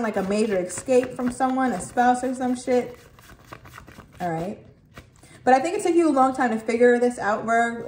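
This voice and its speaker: A woman's voice: fairly high pitch, a little mellow. A woman giving a casual tarot reading, chatty and emphatic, swearing freely and checking in with "okay" again and again. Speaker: tarot reader. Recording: echoey room, faint noise.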